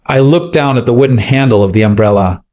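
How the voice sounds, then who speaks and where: A man reading a dramatic first-person story aloud as scripted narration, in a steady, measured way. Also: medium pitch, a little hiss or hum.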